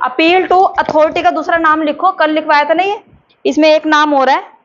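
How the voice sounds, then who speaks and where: High-voiced woman teaching a class. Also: fairly even intonation. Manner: chatty, repeats terms slowly for dictation. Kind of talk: classroom lecture dictating notes. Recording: dull lo-fi with faint background noise.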